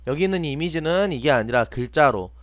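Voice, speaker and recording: This online coding instructor speaks a little fast with a fairly high voice and lively intonation, asking himself questions and then answering them as he improvises a step-by-step screen walkthrough. The audio is lo-fi with no room sound.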